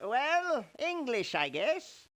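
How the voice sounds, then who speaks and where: A man voicing a frantic, eccentric old scientist in a cartoonish adventure game, his voice high and strained. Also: very animated, very slow, crowd noise, exaggerated voice.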